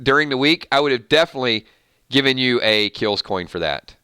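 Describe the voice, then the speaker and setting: A man from Georgia with a Southern accent, hosting a casual livestream, reading viewer comments and chatting in an animated way with easy laughter. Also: medium pitch, a little fast, clear, resonant tone, no echo, clean studio sound. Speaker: livestream host.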